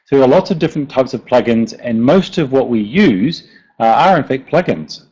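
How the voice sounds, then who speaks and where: His medium-pitched voice is darkish with a breathy edge, lively in intonation and moderate in pace. A software developer with a broad New Zealand accent, he presents technical content informally, often hesitating and repeating words, over dull lo-fi online audio.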